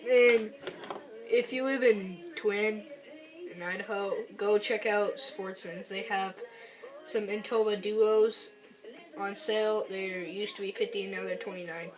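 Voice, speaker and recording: A woman speaking casually and haltingly in an unscripted amateur vlog, a bit sick with a cold. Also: medium pitch, fairly even intonation, soft background music, rough recording. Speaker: amateur vlogger testing duck calls.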